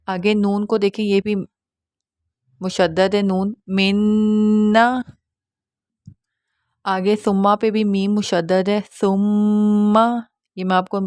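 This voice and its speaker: A woman gives an online Quran recitation lesson, explaining patiently step by step, often checking that listeners follow, and drawing out nasal sounds slowly as examples. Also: mid-range voice, flat delivery, darkish tone, no echo, studio quality. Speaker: Quran tajweed teacher.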